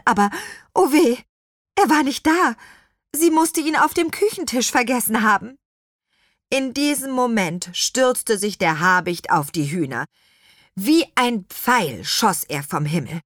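A woman narrating a children's audiobook with animated storytelling. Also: medium pitch, no echo, clean studio sound.

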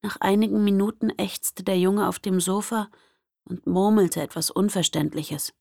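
A young woman narrating a first-person audiobook in a lively, expressive way. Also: mid-range voice, normal speed, vocal fry, dry recording, studio quality.

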